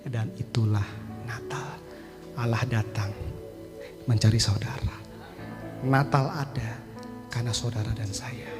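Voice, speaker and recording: A man's voice: mid-range voice, steady tone, a little slow, pauses often, in a large hall, over loud music. A male pastor delivering a sermon, telling a story dramatically and dropping in English phrases.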